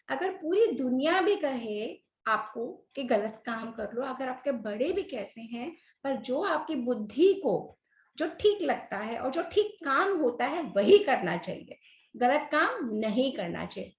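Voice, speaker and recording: A middle-aged woman leads a children's class, narrating a story with lively expression. Her voice sits high. The room around her rings with echo. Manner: animated, questions children by name, mixes English words.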